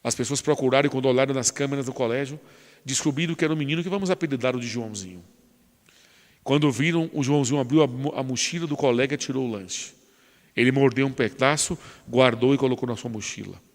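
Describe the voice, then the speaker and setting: A man's voice: medium pitch, fast talker, big-room sound. A man preaching a sermon as a pastor, telling a story dramatically and then building to fervent emphasis. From Brazil. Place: church.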